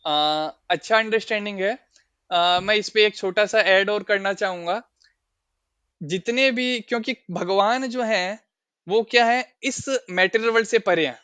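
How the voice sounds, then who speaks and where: Male scripture teacher, smooth resonant voice, patient explaining manner. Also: high voice, a little slow, bright, forceful tone, dry recording. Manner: explains verses and asks listeners questions. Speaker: spiritual teacher. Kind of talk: scripture class.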